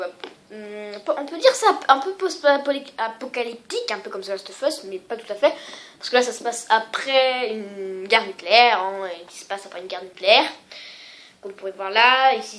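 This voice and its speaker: Une femme qui présente ses jeux vidéo sur un ton décontracté, en hésitant souvent et en se moquant d'elle-même. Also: female voice, a little high, moderate pace, a bit bright. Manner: rambling, many fillers and self-mocking asides. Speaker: gaming vlogger. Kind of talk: casual video game showcase.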